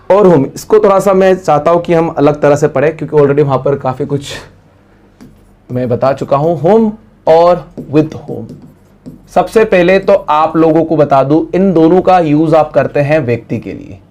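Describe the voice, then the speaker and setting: A man with an Indian accent teaching an English grammar lesson in class. He explains things quickly and then says the English sentences slowly and clearly. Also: on the high side, darkish tone. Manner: speaks directly to the students and prompts them to translate.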